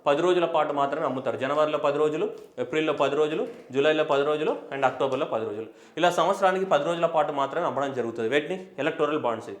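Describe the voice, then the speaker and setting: A man's voice: on the high side, fast, reverberant. A man, teaching an exam-prep class and firing questions he answers himself. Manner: emphatic, asks and answers his own questions; switches between Telugu and English. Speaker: teacher for competitive exams. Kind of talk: classroom lecture.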